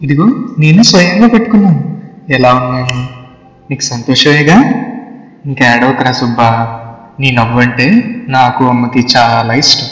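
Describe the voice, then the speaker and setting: A man voicing a gentle, loving male god who speaks from a temple idol in a tender, fatherly way. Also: mid-range voice, measured pace, long pauses, close to an everyday voice. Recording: echoey reverb, long hall tail.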